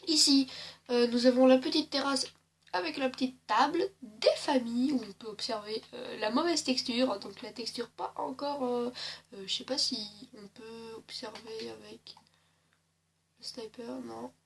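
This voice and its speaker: Woman gamer host, slightly high voice, slight sore throat, chatty and jokey game walkthrough, faint hum behind. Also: a little slow, creaky. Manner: chatty and joking, with many hesitations. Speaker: gaming channel host. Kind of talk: casual gameplay commentary.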